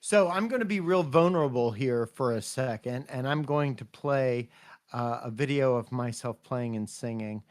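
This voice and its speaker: A man co-hosting a casual livestream, explaining slowly and thinking aloud. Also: mid-range voice, no echo. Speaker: co-host. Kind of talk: casual livestream workshop chat.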